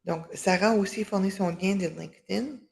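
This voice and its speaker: A woman with a medium-pitched, creaky voice speaks at normal speed. Hosting an online workshop over a video call for a women's enterprise organization, she gives closing remarks hesitantly, with many fillers and restarts.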